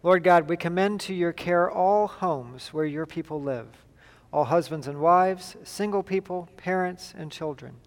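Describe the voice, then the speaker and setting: A man leading liturgical prayer as a pastor, in a solemn, measured and formal way, with a long cathedral-like echo. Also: on the high side. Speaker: pastor leading a church service. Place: large reverberant church.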